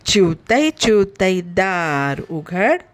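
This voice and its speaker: Woman playing a lazy drenched crow, slow pleading drawl, low and soft, storybook. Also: very animated, full character voice. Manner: slow drawn-out calling. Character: lazy cold wet male crow pleading at a door.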